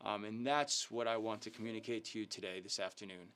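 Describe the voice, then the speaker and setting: A man with a lowish, fairly even voice talks fast, his tone a bit bright, clear and resonant. He hosts a live youth ministry talk show, sharing updates and a devotional in a casual, earnest, upbeat way full of ums and uhs.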